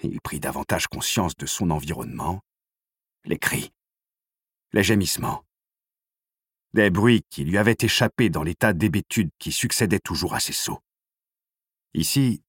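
Deep guy reading an audiobook, husky, steady, dry close mic. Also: no echo. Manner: measured, steady storytelling. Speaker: audiobook narrator. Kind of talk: scripted audiobook narration.

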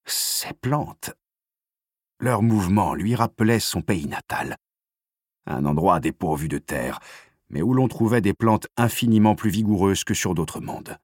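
A man reads an audiobook aloud in a measured, steady narration. His voice sits very low with a husky grain. The recording is dry and close, with no room sound. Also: no room sound.

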